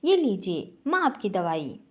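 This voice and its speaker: A woman voicing a young man, a devoted son who is quick to anger but pleads earnestly with his mother. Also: mid-range voice, sing-song, darkish tone, pitched below the performer's own voice.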